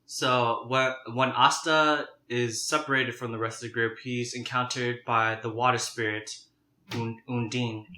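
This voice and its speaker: Young male mukbang host eating crunchy fried chicken, crisp bright tone, halting casual delivery, echoey kitchen. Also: medium pitch, level tone. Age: young adult. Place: home kitchen, indoors. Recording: roomy, echoing kitchen sound.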